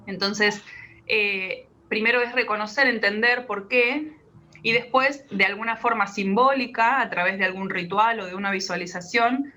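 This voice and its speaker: Woman, bright tone, calm explainer, interview guest. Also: mid-range voice, moderate pace. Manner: calm, patient, explains step by step. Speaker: guest, biodecoding practitioner.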